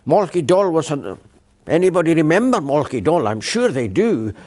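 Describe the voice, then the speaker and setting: A man's voice: a little high, sing-song, normal speed, a little mellow. An older man, a former provost, giving a public lecture full of anecdotes, with many fillers and restarts. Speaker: guest speaker, former provost. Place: council chamber.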